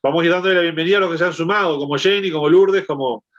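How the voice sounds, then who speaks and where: A man's voice: fairly high pitch, fairly even intonation, racing, fairly bright tone, dull audio. A man leading a Bible lesson over a video call, explaining and often checking in with his listeners. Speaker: Bible study teacher.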